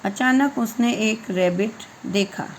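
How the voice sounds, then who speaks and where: A woman's voice: a little high, slow pace, a little hiss or hum, low-quality recording. A woman teaching English reading, spelling each word letter by letter and then giving its meaning. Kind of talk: slow spelling-out reading lesson.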